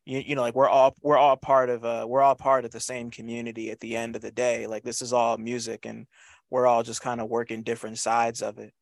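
In a casual conversational interview, a man with a creaky, mid-range voice talks with little pitch movement, and there's no echo. He halts and repeats words as he feels his way along, saying "you know" often and using loose slang and swearing.

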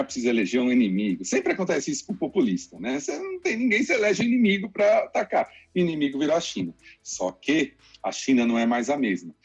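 A Brazilian man explaining the economy to listeners in a lively, conversational way, acting out what people say. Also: a little high, gravelly, husky. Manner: lively explainer, acts out quotes. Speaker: economic commentator. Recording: dull lo-fi sound with faint music.

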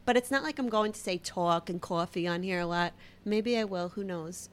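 A woman in her thirties with a Brooklyn accent hosts a casual solo podcast, chatty and self-deprecating. Her voice is fairly low-pitched and she speaks at a normal speed.

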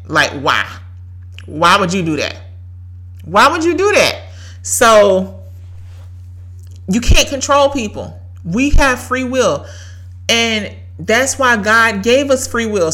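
A woman's voice: mid-range voice, a bit bright. A woman, giving an emphatic, preachy faith talk as a podcast host and repeating lines for effect. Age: 30s. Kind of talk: faith-based motivational talk.

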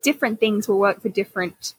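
A woman's voice: mid-range voice, fast talker, a little hiss or hum, low-quality recording. A young woman co-hosting a parenting podcast, agreeable and reassuring in casual chat. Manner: agreeable, reassuring, laughs often. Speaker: podcast co-host.

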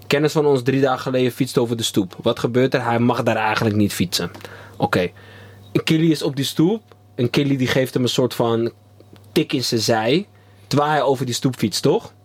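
A man, co-hosting a podcast in casual chat, rambling with many pauses and slang. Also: medium pitch, breathy edge. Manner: rambling, pauses with ehm, slang-heavy storytelling. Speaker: podcast co-host.

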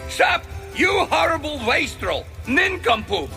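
Crazy king on a rant, high and furious sounding, imperious, audio comedy w music. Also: sing-song, slow, vocal fry, bright, forceful tone, full character voice. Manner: mad ranting, spitting out insults. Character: mad, imperious old king ranting insults at his son. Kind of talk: comic audio drama.

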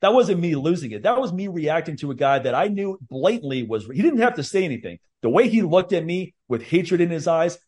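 A man's voice: fairly high pitch, big pitch swings, a little fast, hardly any pauses, darkish tone. A man hosting a podcast, talking bluntly and heatedly with a lot of swearing. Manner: blunt, profane, heated storytelling. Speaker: podcast host. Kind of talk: casual podcast chat.

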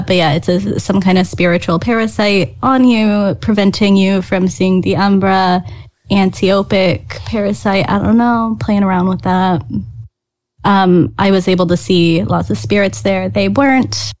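A woman's voice: mid-range voice, fairly even intonation, unhurried, a little mellow, dry recording. Woman tabletop player, dry close sound. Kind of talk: casual in-character game chat.

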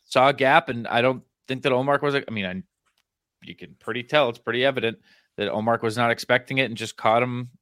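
A man's voice: mid-range voice, fairly quick, fairly bright tone, no room sound, studio quality. A man co-hosting a podcast, chatting casually about sports in a wry, easygoing way. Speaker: podcast co-host.

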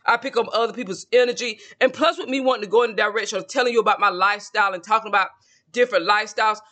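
Speaking very fast, the tarot video creator, a man in his late forties, runs through a casual, confident monologue to camera that keeps doubling back on itself. His voice sits high and comes across as pushed and bright.

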